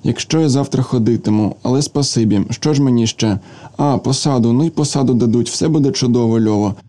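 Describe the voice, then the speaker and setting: A man voicing a feverish, distraught young woman who was abandoned, speaking softly and half-whispered. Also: mid-range voice, brisk, close to an everyday voice. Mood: weary. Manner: soft, breathless, half-whispered.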